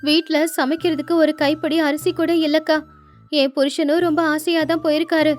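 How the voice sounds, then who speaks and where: A woman voicing a devoted young wife of a poor fisherman in a storybook, speaking in a gentle, pleading way. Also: sits high, flat delivery, fairly quick, soft background music, lightly acted. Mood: worried. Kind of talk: storybook narration with character voices.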